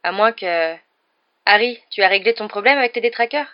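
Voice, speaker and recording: A woman reading the part of an eager teenage boy team captain, calling out loudly in a storybook. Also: medium pitch, fairly quick, voice pushed up, lightly acted. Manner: shouting, urgent. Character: loud eager male teen quidditch captain. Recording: dull lo-fi recording.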